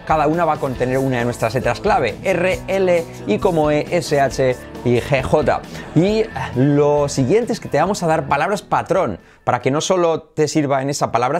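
A middle-aged man with a Spanish accent teaching English pronunciation in a video lesson, lively and repeating practice words. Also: fairly high pitch. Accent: Spain.

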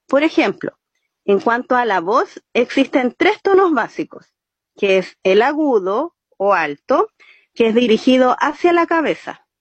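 A woman's voice: fairly high pitch, very animated, unhurried, breathy edge, no echo. A woman, a storytelling teacher, explaining voice and body exercises step by step in an interview. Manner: patient, explains step by step with "¿cierto?" checks. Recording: muffled, dry sound.

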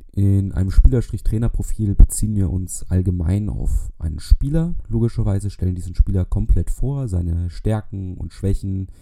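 A man's voice: low-pitched, vocal fry, dark tone. A man hosting a solo podcast, explaining things at length with frequent hesitations. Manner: explanatory, many filler hesitations. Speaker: podcast host.

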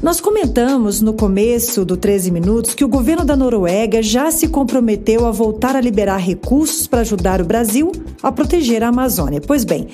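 A woman's voice: on the high side, dark tone. A Brazilian woman hosting a news podcast, reading scripted links between clips. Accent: Brazilian Portuguese. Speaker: news host.

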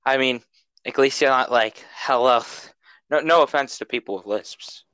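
A man's voice: medium pitch, moderate pace, fairly bright tone, no echo, rough recording. Male podcast co-host, loose rambly delivery with frequent stumbles and laughs, dry close sound. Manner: rambling, laughs often, stumbles over words. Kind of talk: casual banter.

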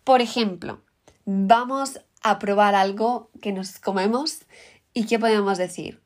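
Speaking a little slowly in a mid-range voice, a woman with a Peninsular Spanish accent teaches an upbeat English lesson. She explains vocabulary and says each example word in English.

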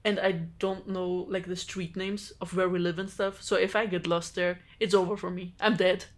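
Telling a personal story during a relaxed group chat, this podcast co-host, a native Georgian speaker from Georgia, has a lowish voice and a moderate pace. She breaks into animated bursts and laughs between her phrases.

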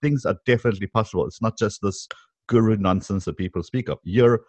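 An enthusiastic man with a South African accent hosts an interview, his delivery upbeat and quick to laugh. The sound is close and dry, with no room echo around him. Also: fairly low pitch. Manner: energetic, enthusiastic, laughs often. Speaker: podcast host.

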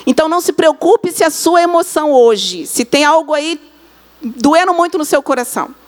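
High-pitched woman pastor, earnest, emphatic preaching style. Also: lively intonation, normal speed. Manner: earnest, repetitive emphatic phrasing. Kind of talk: sermon.

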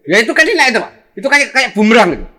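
A man's voice: extremely high pitch, very animated, rapid-fire, sharp tone. A man with a Javanese accent telling a story in casual chat, acting out scenes with sound effects. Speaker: guest telling a tall tale.

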